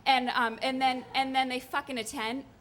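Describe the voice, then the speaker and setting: A young woman tells a comic personal story at a live storytelling night, chatty and self-deprecating. Her voice sits a little high, and faint room ambience lies underneath. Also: level tone, normal speed, fairly bright tone, slight background noise.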